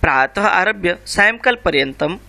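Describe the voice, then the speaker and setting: A man, teaching a school revision lesson, reciting and explaining slowly and carefully. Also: high voice, animated, gravelly, bright, forceful tone. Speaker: Sanskrit teacher.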